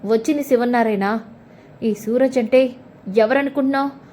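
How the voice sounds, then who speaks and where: Woman voicing older man, patriarch, boastful, emphatic, fairly high. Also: steady tone, normal speed, dark tone, natural voice. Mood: gloating. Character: gloating older man, proud family patriarch.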